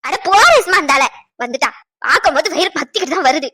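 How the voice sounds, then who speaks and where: Exasperated scolding mother, very high, quick, bright, dry close recording. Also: expressive, no echo. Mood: upset, scolding. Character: fretful mother, angry over her married daughter. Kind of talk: TV serial drama acting.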